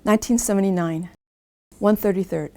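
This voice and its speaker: A woman's voice: mid-range voice, fairly even intonation, brisk, a little mellow. An older woman, a retired police officer, giving a concise account in a documentary interview.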